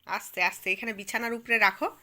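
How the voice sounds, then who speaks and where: A woman's voice: medium pitch, fairly even intonation, a little fast, bright, forceful tone. A woman filming her small child at home on her phone, coaxing and teasing him in a playful way. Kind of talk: casual home video chat. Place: home, by a bed. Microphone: phone camera held while filming.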